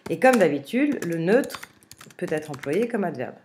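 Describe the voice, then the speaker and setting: Woman, Latin teacher; fairly low voice, patient word-by-word glossing, halting delivery full of fillers. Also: very animated, a little mellow, slight background noise. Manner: hesitant, with frequent "euh" fillers and restarts; reads Latin slowly, then glosses it word by word. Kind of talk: remote lesson, explaining a translation.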